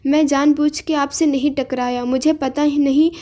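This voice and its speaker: A woman's voice: high-pitched, steady tone, moderate pace, mellow, natural voice. A woman voicing a timid, nervous male teacher who keeps apologizing. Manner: fearful, apologetic.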